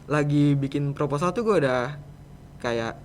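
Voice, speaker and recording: On the high side and unhurried, this teenage boy's voice carries a Jakarta Indonesian accent. A student guest on a podcast, he replies casually with some hesitation in a relaxed interview chat, and slight hiss or hum is audible.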